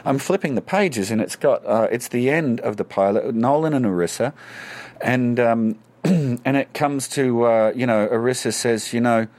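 A man's voice: mid-range voice, moderate pace. A man, an actor telling stories in a casual interview. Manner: animated anecdote teller. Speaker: actor guest.

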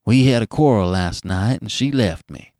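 A man's voice: fairly low pitch, lively intonation, normal speed, darkish tone, dry recording, clean studio sound, close to an everyday voice. A man voicing a frail, confused old farmer with a folksy, insistent rural American way of talking. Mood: mild, wistful. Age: older. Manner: insistent, folksy, plain-spoken. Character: frail demented old farmer searching eagerly for his wife.

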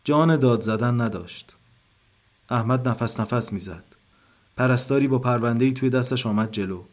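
A man narrating a literary short story in a calm, measured way. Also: mid-range voice.

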